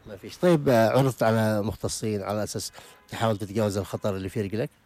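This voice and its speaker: A man's voice: fairly low pitch, fairly even intonation, rapid-fire, darkish tone. A Yemeni man hosting a radio interview in an outdoor market, moving from formal welcomes to patient, repeated questions. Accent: Yemeni Arabic. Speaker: radio host.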